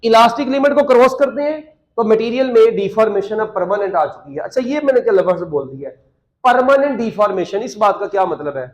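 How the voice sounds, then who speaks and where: A man's voice: sits high, animated, reverberant, rough recording. A man teaching a physics class, joking and quizzing students with repeated questions.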